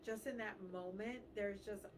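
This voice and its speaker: A woman's voice: mid-range voice, normal speed, recorded from a distance, a loud crowd. A woman co-hosting a casual radio talk show, speaking frankly and earnestly. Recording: off-mic with clear background noise.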